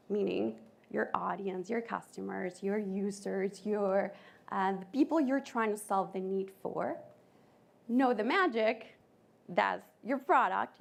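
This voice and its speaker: A woman from Colombia with a Colombian Spanish accent, giving a lively conference talk to an audience. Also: medium pitch, gravelly. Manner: lively, audience-engaging presenter. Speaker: conference speaker.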